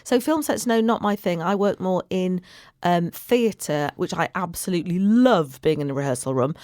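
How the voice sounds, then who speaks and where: A woman's voice: fairly low pitch, moderate pace, a little mellow, no echo, clean studio sound. A woman vocal coach talking frankly and wryly in a casual interview, with theatrical flair.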